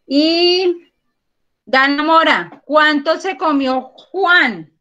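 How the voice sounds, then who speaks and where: A woman teaching a primary school math class over a video call, patient and encouraging, counting aloud slowly. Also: high-pitched, lively intonation, sharp tone, lo-fi sound. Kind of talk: online class. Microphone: computer mic on a video call.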